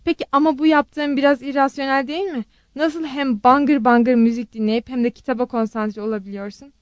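A woman's voice: high voice, steady tone, fairly quick, no room sound, highs cut off, lightly acted. A woman reading the lines of a sleepy, skeptical young woman who asks wry questions.

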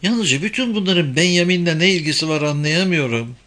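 A man voicing a frightened, grieving mother who speaks softly and anxiously in an audiobook reading. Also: on the high side, expressive, fairly quick, voice pushed up. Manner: soft, anxious, sometimes whispering.

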